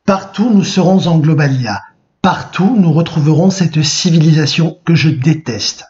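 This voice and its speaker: A man's voice: a little high, a little slow, a little mellow, natural voice. A man reading aloud the lines of a restless, despairing young man from a novel. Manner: earnest, read aloud from a book. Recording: muffled lo-fi recording.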